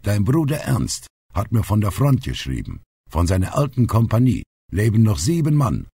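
A man reading an audiobook, voicing a blunt, outspoken old grandfather who is gruff but loving. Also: on the low side, huge pitch swings, moderate pace, warm tone, no echo, pitched above the performer's own voice, full character voice. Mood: earnest, bitter. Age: older. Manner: blunt, plainspoken.

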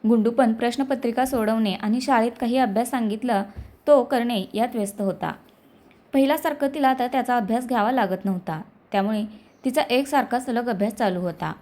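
Brief: woman storyteller, slightly high voice, steady scripted narration. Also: fairly quick.

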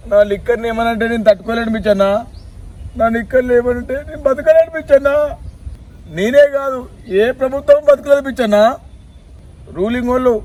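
A man's voice: very high-pitched, a little fast, pauses often, darkish tone. An actor with a Telangana Telugu accent playing a man who pleads and laments at length over his beloved liquor in a village comedy sketch. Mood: lamenting. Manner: wailing, pleading, rambling complaint.

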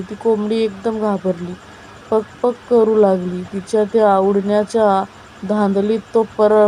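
A woman narrating a family story in a steady, measured reading voice. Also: medium pitch, a little hiss or hum, poor audio.

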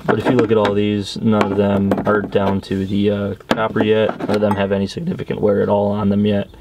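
Young man, a bit low-pitched, casual and profane, car-repair vlog, outdoors on the street. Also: completely flat delivery, brisk, background noise. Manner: casual, profane, talks to camera. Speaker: channel host.

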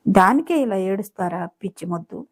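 A woman's voice: mid-range voice, lively intonation, fairly quick, breathy edge. A woman voicing a playful young husband who teases his wife affectionately in a storybook romance. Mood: teasing.

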